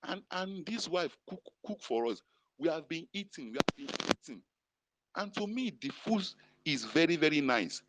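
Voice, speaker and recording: A man preaches a sermon as pastor in a prayer room gathering carried online, using a Nigerian Yoruba-influenced accent. His slightly high, sing-song voice moves at normal speed with a bit of brightness, as he repeats lines for emphasis and leads the men in call-and-response. Recording quality is low.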